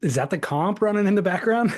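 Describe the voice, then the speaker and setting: A man hosts a surf podcast over a video call, chatting in an easygoing, conversational way full of fillers. His high, expressive voice is a little fast with a darkish tone.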